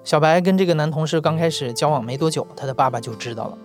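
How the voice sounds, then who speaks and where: A man hosting a storytelling podcast, reading scripted narration in a brisk, even delivery. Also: fairly high pitch. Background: soft background music.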